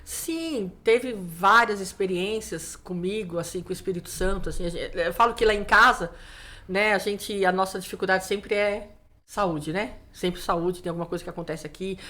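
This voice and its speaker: A woman's voice: mid-range voice, normal speed. A woman pastor, telling her testimony in a casual interview and acting out the dialogue. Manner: lively storyteller who acts out dialogue, many "né" fillers. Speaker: pastor, guest.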